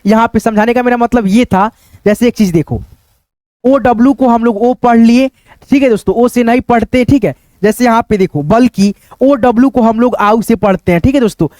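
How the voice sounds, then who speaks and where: A man teaching English pronunciation, spelling words out letter by letter and then saying them slowly, with the same friendly filler phrases over and over. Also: very high voice, darkish tone, dry recording. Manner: repetitive, keeps saying "okay friends" and "look here".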